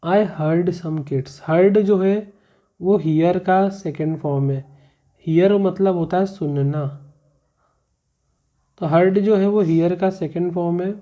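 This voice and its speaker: In a classroom grammar lesson, a male teacher explains the rules, repeating each one and asking the class questions along the way. His high voice is slow with frequent pauses, and the recording is muffled and slightly lo-fi.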